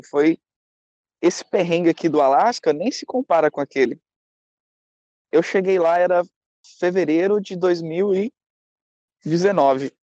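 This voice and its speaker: A man's voice: high-pitched, a little mellow, no room sound, dull audio. A young man telling a travel story in a casual, dramatic way, acting out scenes and dropping in conversational fillers.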